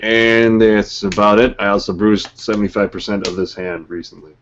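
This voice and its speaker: Low-voiced dry man on a podcast. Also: fairly even intonation, normal speed, slight background noise. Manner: dry, offhand. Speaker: podcast co-host. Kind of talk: casual podcast banter. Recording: dull lo-fi livestream audio.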